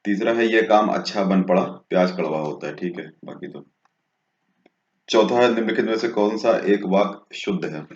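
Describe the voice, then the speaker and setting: Step by step, a low-sitting male voice at normal speed explains exam answers like a tutor, regularly dropping in a short "okay." The room sound is dull and echoey.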